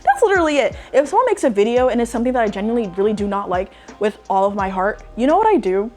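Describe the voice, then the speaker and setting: Speaking rapid-fire with big swings in pitch, this young social media commentator vents in exasperation, stressing her points and filling gaps with "like." Her voice sits on the high side with a darkish tone, and soft music plays behind her.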